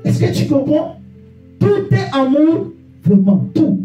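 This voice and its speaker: Slow and emphatic, a man preaches in a very high, sing-song voice with a dark tone, exhorting his listeners through repeated phrases and rhetorical questions. It's captured from a distance in an echoing room over faint music.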